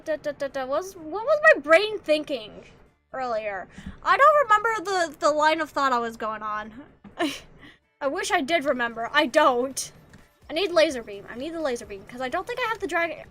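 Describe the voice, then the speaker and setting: Giggly, bright-voiced woman streamer. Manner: giggly, rambling, talks to her cat in a playful high voice. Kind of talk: casual gameplay streaming chat. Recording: faint background music. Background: soft background music.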